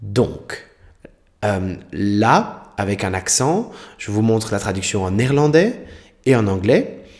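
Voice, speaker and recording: A man's voice: on the low side, very animated, takes it slowly, a little mellow. A man teaching a French spelling lesson, explaining examples carefully and spelling out letters.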